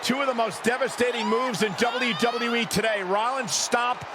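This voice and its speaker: Male play-by-play wrestling announcer, high register, buried in roaring arena noise. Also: steady tone, moderate pace. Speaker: wrestling commentator. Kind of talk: play-by-play sports commentary. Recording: loud arena crowd noise throughout. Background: roaring arena crowd.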